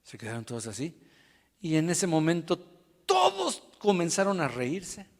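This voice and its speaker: A man preaching a sermon, swinging from hushed tones to shouting and calling his listeners brother. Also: a little high, huge pitch swings, unhurried, in a large hall.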